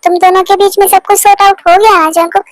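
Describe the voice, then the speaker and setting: A woman voicing a concerned mother who gently questions her son, in a fan-dubbed romance. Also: very high voice, little pitch movement, quick pace, slight background noise, rough recording. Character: concerned mother of the young man. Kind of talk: Hindi fan dub of a romance story.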